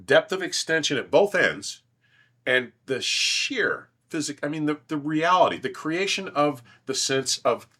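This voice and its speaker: A man with a somewhat high, sharp, animated voice hosts a show reviewing audio equipment, talking unhurriedly but with enthusiasm and strong, emphatic opinions. The conversation is casual and takes place in a large listening room with minimal treatment.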